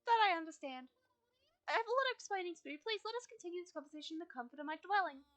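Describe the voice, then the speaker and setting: A woman voicing an ancient, gentle cosmic blue spirit that speaks in a solemn, measured way. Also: extremely high pitch, expressive, pitched above the performer's own voice.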